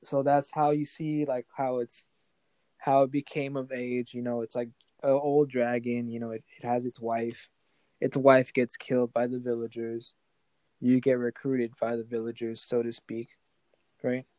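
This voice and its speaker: A man's voice: mid-range voice, flat delivery, unhurried, warm tone, dry recording. A man improvising a fantasy story as game master. He talks casually and keeps checking in with the player.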